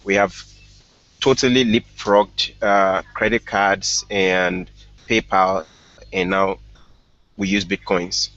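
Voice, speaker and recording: A relaxed man talks over an online call with a lowish voice, laughing easily and pausing on fillers. The sound is dull and lo-fi, with no room echo at all. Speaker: startup founder guest. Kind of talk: casual online discussion. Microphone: headphones with mic on a call.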